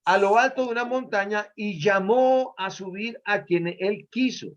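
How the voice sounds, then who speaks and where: Brief: male pastor, high voice, patient teaching tone, quizzes students, muffled lo-fi sound. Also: a little slow. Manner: didactic, quizzes listeners on verb tenses. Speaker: pastor teaching a Bible study. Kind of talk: Bible study lesson with questions to students. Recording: dull lo-fi recording.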